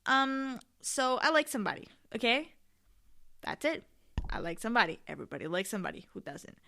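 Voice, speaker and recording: A woman's voice: a little high, sing-song, brisk, vocal fry, bright, forceful tone. A young adult woman hosting a casual solo podcast in a candid, slangy, emphatic and rambling way, often swearing. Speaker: podcast host.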